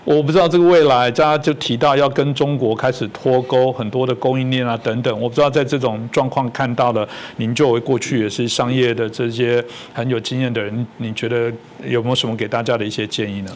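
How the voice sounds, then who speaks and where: A man's voice: mid-range voice, fairly even intonation, quick pace, hardly any pauses. A man with a Taiwanese Mandarin accent, hosting a political talk show and asking long, winding questions full of fillers.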